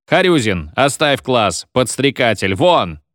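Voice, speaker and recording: A man voicing a pompous, bossy old professor who lectures and shouts orders at his class. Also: mid-range voice, sing-song, a little slow, dry recording, studio quality. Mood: angry. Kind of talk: audiobook reading.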